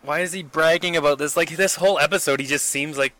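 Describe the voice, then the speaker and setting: A man co-hosting a podcast, talking casually in a halting, exasperated way with restarts and repetition. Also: on the high side, pushed and bright, dry recording, rough recording. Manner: exasperated, halting, repeats himself. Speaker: podcast co-host. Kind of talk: casual chat.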